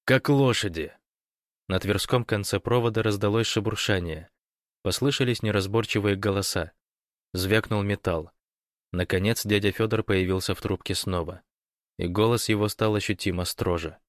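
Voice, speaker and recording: A man narrating an audiobook in an even, measured way. His voice sits low. The sound is dry and close, with no room echo. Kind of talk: scripted narration.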